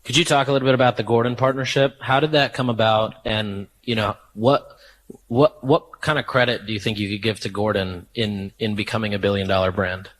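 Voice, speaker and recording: Low-voiced male podcast host asking questions. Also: fairly even intonation, fairly bright tone, low-quality recording. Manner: quick questions with fillers and restarts. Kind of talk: interview questions.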